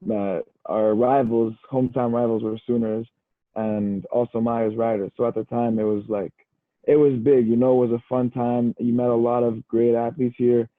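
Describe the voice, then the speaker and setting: This podcast guest is a young Canadian university football player speaking at normal speed and medium pitch, with no room sound. His chat is casual and easygoing, heavy on "bro" and "you know," and comes through a tinny, dry, phone-like line.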